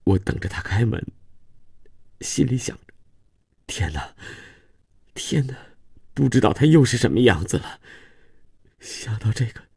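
A man's voice: low-pitched, expressive, measured pace, pauses often, mellow, slightly rough, no room sound, studio quality, heavily acted. A man voicing a tearful young wife. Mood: pleading.

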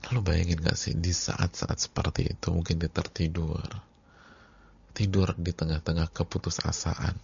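Deep gravelly preacher, hushed to loud. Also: male voice, little pitch movement, normal speed. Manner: vivid storytelling with dramatic swings from whispers to loud outbursts. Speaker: Islamic preacher. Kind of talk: sermon. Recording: dull lo-fi lecture recording.

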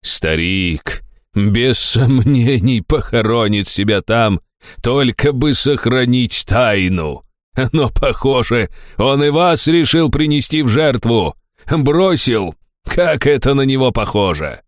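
A man voicing a mocking male herald in an audiobook, speaking in slow, drawn-out taunts. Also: mid-range voice, lively intonation, no echo, clean studio sound, voice pushed up.

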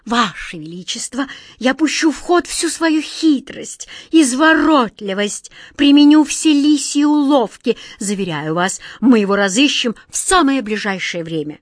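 A woman voicing a sly, fawning male courtier who flatters the king eagerly. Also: high voice, unhurried, no room sound, clean studio sound, pitched above the performer's own voice. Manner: ingratiating, eager.

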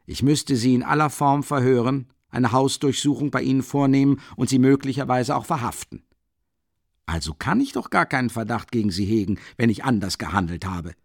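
An actor playing a sly, jovial middle-aged investigator who teases and needles with questions. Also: male voice, mid-range voice, a little fast, dry recording, studio quality, lightly acted. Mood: mocking.

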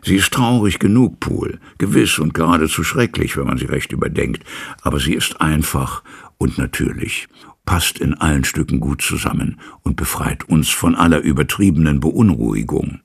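Serious lawyer type, slow and weighty, deep gravelly voice, done by a man reading. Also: animated, exaggerated voice. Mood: reasoning. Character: grave, reasoning male lawyer, measured.

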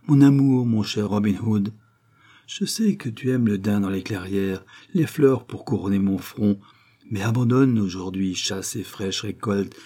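Guy putting on a playful teen boy archer from a storybook, singsongy and teasing, dark mellow tone. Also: medium pitch, husky, pitched above the performer's own voice, lightly acted. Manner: teasing, sing-song.

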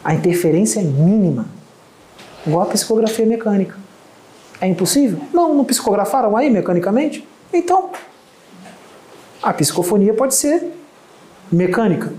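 A man with a Carioca accent gives an emphatic spiritual lecture as a channeling medium, scornful toward critics. His voice is dark and mellow. The recording carries a roomy echo. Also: high-pitched, very animated, normal speed, long pauses. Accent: Carioca Portuguese. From Rio de Janeiro, Brazil.

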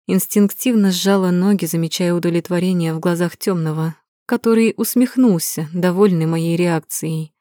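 Expressive woman reading a novel, dry close sound. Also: on the low side, dry recording. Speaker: audiobook narrator. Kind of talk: first-person novel reading.

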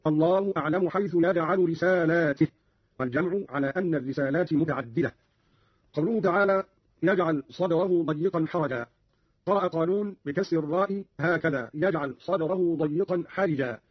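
Fast formal male radio presenter, husky and fairly high, dry muffled broadcast audio. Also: dry recording. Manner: brisk formal explanatory delivery. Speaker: radio presenter explaining readings. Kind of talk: scripted explanatory narration.

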